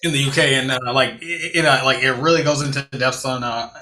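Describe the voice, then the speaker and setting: A man in casual chat who keeps halting and stumbling over his words. His voice is bright and forceful. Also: mid-range voice, steady tone, a little hiss or hum.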